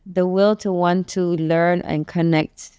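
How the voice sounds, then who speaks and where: A woman's voice: lowish voice, measured pace, clear, resonant tone, no room sound, studio quality. A woman who grew up in Malaysia, a guest in a casual panel chat, telling stories chattily and acting out the exchanges she quotes. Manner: chatty, animated storyteller, acts out quoted exchanges. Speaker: guest, youth entrepreneurship advocate.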